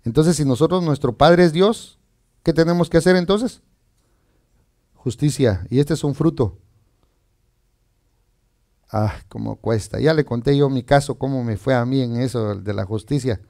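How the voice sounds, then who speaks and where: A man's voice: medium pitch, normal speed, long pauses, mellow. A man preaching as pastor, reading scripture and asking the congregation questions in a chatty, conversational way. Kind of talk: sermon.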